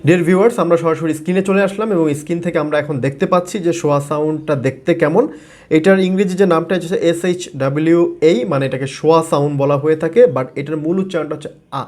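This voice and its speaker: A man's voice: fairly high pitch, steady tone, racing, a little mellow. A man from Bangladesh, a native Bengali speaker, teaching English pronunciation in a video lesson, repeating and modeling words with frequent fillers.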